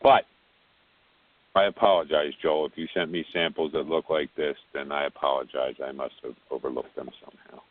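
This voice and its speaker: A man's voice: extremely low pitch, steady tone, normal speed, no room sound. A man heard over the phone, leading a casual technical briefing and rambling with repeated words on a tinny phone line. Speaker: technical support lead on a conference call.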